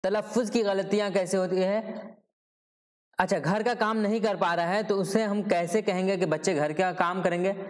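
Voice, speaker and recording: A man lectures students for an exam, his voice sitting a little high for a man. He moves point by point, asks himself questions and answers them, and checks in with a steady "ठीक है" as he goes. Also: moderate pace. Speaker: teacher. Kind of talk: exam-prep lecture on Urdu pedagogy.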